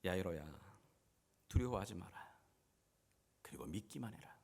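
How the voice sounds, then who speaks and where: Jesus, a gentle but firm grown man, pleads and urges with a sweeping, lively rise and fall, as a preacher voices him from the pulpit. The voice sits a bit high for a man. It rings out through a reverberant church hall. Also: moderate pace. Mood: urgent encouragement. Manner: earnest pleading address, rising to impassioned urging.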